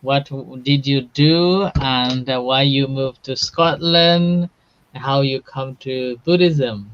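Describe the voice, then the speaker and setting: A man hosting an online community talk as temple teacher, speaking slowly and hesitantly with many fillers. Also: medium pitch, a little hiss or hum. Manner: slow, hesitant, many uhs. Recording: muffled lo-fi audio.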